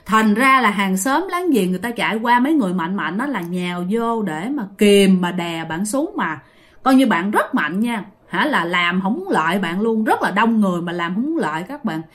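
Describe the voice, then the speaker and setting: A woman's voice: medium pitch, expressive, normal speed. A woman with a Southern Vietnamese accent telling a ghost story in a casual, chatty way, talking straight to her listeners. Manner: chatty, addresses listeners directly.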